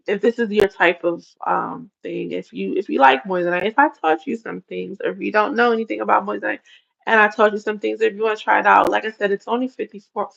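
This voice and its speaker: A woman's voice: mid-range voice, creaky, lo-fi sound. A woman chatting casually on a livestream, rambling and often laughing as she talks. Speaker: livestream host.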